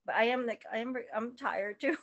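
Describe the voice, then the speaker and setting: Halting, high-voiced woman guest. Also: a bit bright. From lives in the United States. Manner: halting, with many restarts and fillers. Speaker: podcast guest. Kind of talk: casual interview chat.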